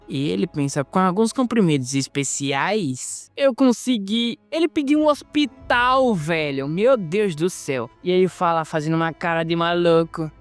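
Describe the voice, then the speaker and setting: A woman narrating a comic story recap in a slangy, playful way. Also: deep voice.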